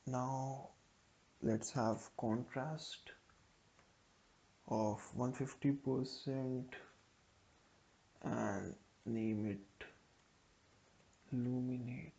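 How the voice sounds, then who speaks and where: A man's voice: medium pitch, fairly even intonation, vocal fry, mellow. A man hosting a coding tutorial, thinking aloud as he types out code step by step. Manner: slow, thinking aloud while typing code.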